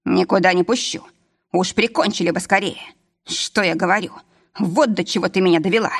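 A woman's voice: fairly low pitch, a little fast, creaky, slightly rough. A woman reading an audiobook and voicing a frightened man who insists urgently. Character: frightened man, pleading and clinging.

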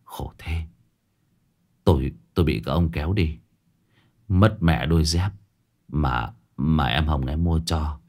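A man's voice: a bass voice, takes it slowly, pauses often, a little mellow, voice pushed down, heavily acted. A man voicing a flustered young exorcist, muttering self-pityingly. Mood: dismayed. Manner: muttering, grumbling.

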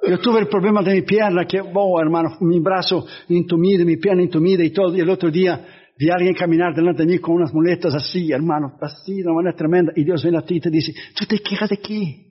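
A man preaching a sermon as a pastor, telling animated stories and imitating sounds. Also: high voice, quick pace, slightly rough, highs cut off.

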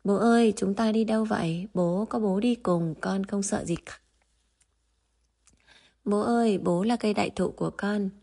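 A woman's voice: medium pitch, normal speed, gravelly, mellow. Woman reading as an eager little boy.

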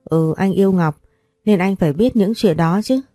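A woman's voice: medium pitch, moderate pace, mellow, no echo, clean studio sound, soft background music, natural voice. A woman voicing a jealous, possessive wealthy older man who scolds and pleads.

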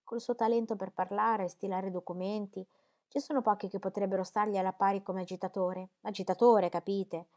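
A woman reading the lines of a placid, stubborn older gentleman who rambles mildly. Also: medium pitch, steady tone, brisk, lightly acted. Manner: rambling, mild, keeps asking "capite?". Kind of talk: audiobook character reading.

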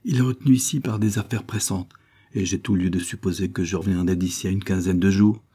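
Male reader voices a warm, insistent young wife; husky, dark tone. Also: low-pitched, fairly even intonation, brisk. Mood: solicitous. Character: kind young wealthy wife and mother.

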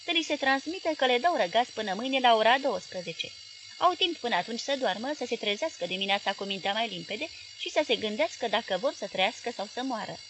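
A stern older general hands down orders with cool authority, as a woman reads him in an audiobook. The voice stays fairly high and firm. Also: animated, noisy background. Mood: commanding. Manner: commanding.

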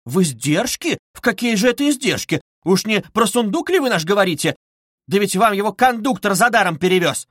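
A man's voice: sits high, animated, fairly quick, a bit bright, breathy edge, no echo, studio quality, pitched above the performer's own voice, exaggerated voice. A man reading aloud voices an agitated, indignant older mother who keeps exclaiming. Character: indignant older mother, quick to take offence.

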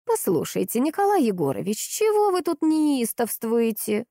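Woman reading a pushy older lady detective in an audiobook, sugary then sharp, mellow tone. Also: on the high side, huge pitch swings, normal speed, gravelly, no room sound, studio quality, voice pushed up, exaggerated voice. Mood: coaxing. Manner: insistent, by turns sweet and cutting.

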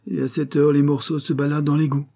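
A man voicing a burly, coarse junk dealer who talks loud and slangy. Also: a little high, flat delivery, quick pace, gravelly, voice pushed up. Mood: gruff. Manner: loud, slangy, working-class speech.

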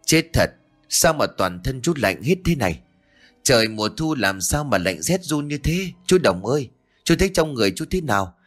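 A jittery young husband, voiced by a male narrator, stammering and trembling as he questions the old man, his pitch rising and falling in a lively way. Faint music runs under the telling. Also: moderate pace. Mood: nervous.

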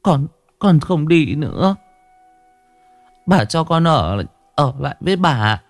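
A man's voice: animated, normal speed, dry recording, faint music behind, close to an everyday voice. A man voicing a frightened young bride who pleads tearfully with her grandmother. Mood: tearful pleading. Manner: pleading, tearful, raised pitch.

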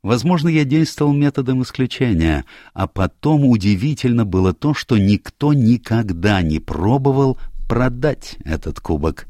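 A man's voice: mid-range voice, expressive, moderate pace, few pauses, mellow, no echo, studio quality, voice pushed up, lightly acted. A man voicing a commanding, self-assured older detective in a read-aloud story, precise in manner. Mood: explaining. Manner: authoritative, precise.

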